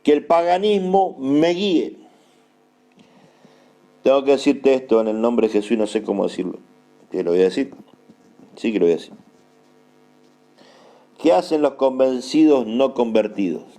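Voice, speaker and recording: A man preaching a sermon in an Argentine accent, emphatic and repeating key phrases slowly for his listeners to note down. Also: medium pitch, animated, gravelly, warm tone, soft background music. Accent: Argentine Spanish. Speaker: apostle preaching.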